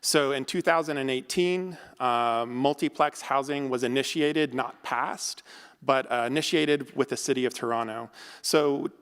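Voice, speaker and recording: A man's voice: mid-range voice, unhurried, fairly bright tone, clean tone. A man giving a conference talk as an academic researcher, conversational, with frequent fillers and self-corrections. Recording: long hall reverb.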